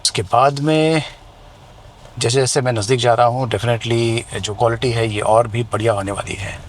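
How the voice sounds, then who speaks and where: Standing outside near apartment buildings amid noisy outdoor sound, a tech vlogger with an Indian accent walks through a product hands-on. He speaks at a moderate pace in a medium pitch with fairly even intonation, switching between Hindi and English in a conversational, explanatory way.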